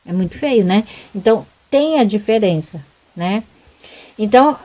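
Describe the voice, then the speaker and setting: A chatty woman talking straight to her viewers about crochet, her voice mellow and rounded rather than bright. She rambles along, checking in with little tag questions at the end of her sentences. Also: mid-range voice, rough recording. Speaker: crochet vlogger. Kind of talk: casual chat to viewers.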